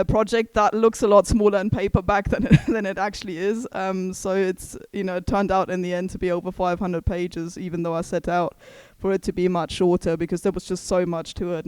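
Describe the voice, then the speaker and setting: An East German historian and author, a native German speaker, gives a talk at a book launch in a smooth, fairly low, darkish voice. She's measured and thoughtful, hedging with many fillers and restarts. The recording is dry.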